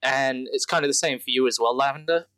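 A man's voice: mid-range voice, fast talker, a bit bright, dry recording. A man narrating a tabletop role-playing game as game master.

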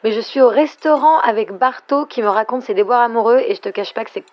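A woman's voice: on the high side, fast, lo-fi sound, lightly acted. An actress playing a young woman in a couple, talking with her partner in a call. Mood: affectionate. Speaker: Orlane. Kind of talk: audio drama acting.

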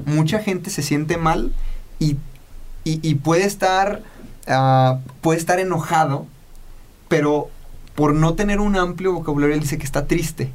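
A man's voice: a little high, a little mellow. A man hosting a casual podcast conversation, now and then acting out parents and children in quoted lines. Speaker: podcast host.

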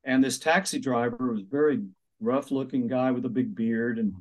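With a mid-range voice at normal speed, an older author and minister recounts stories in an interview. His delivery is lively, and he takes on the voices of those he quotes.

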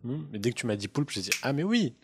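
A man co-hosting a podcast, talking in a hesitant, halting way. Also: medium pitch, very animated, husky. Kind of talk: casual podcast chat.

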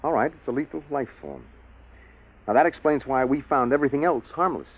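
Earnest male scientist, urgent, lively pitch, husky tone, tinny old radio sound. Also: brisk. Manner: urgent, explaining. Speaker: scientist on a space base. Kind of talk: 1950s radio drama acting.

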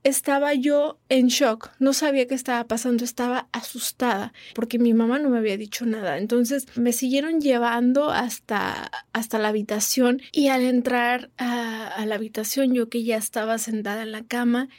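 Woman sharing her own story, higher voice, dry close sound, earnest and reflective. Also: fairly even intonation, moderate pace, few pauses, a little mellow, no echo. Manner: earnest, reflective, acts out quoted lines. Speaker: person sharing a personal story. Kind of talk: personal testimony, casual storytelling.

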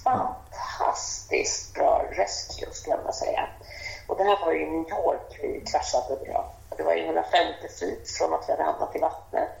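Woman radio guest, heavy vocal fry, animated storyteller, muffled roomy sound. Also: sits low. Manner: lively and animated, acts out the voices of people in her story. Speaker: interview guest. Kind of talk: casual storytelling.

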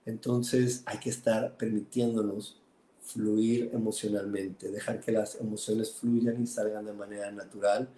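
Male podcast host, warm relaxed tone, earnest self-help talk, roomy echo. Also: lowish voice, unhurried. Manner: earnest, stacks repeated words for emphasis.

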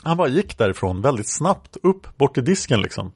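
A man reads out a young woman witness's account of a café encounter, delivering the transcript flatly and without acting, even reading the speaker labels aloud. His voice is gravelly and low-creaking, and the recording is dry and close with no echo.

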